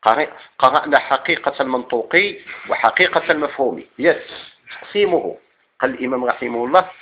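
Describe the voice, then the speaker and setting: A man with a Moroccan Arabic accent and a fairly high voice teaches a classroom lecture on legal theory, recorded with lo-fi sound. He quizzes students with repeated questions and then answers them himself.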